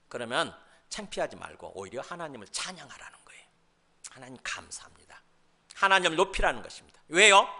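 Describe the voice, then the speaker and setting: Man preaching, high voice, very expressive pitch, bright tone, acts out quotes. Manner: animated, acts out quoted voices, asks the congregation questions. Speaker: senior pastor. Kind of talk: sermon.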